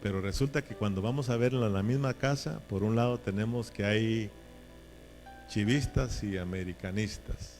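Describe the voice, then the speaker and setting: A man's voice: lowish voice, normal speed, darkish tone, soft background music. A man preaching a sermon in a folksy, joking way, often checking in with his listeners. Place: church.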